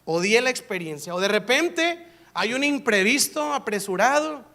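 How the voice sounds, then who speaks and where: A pastor preaching a sermon, telling a personal story in a lively, playful, self-mocking way. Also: male voice, very high-pitched, normal speed.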